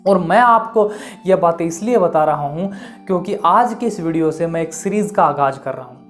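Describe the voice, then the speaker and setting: A man's voice: on the high side, expressive, normal speed, soft background music. A man hosting an online channel, giving an earnest explainer monologue in which he asks the viewer questions and answers them himself. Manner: earnest, emphatic delivery. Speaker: YouTube channel host.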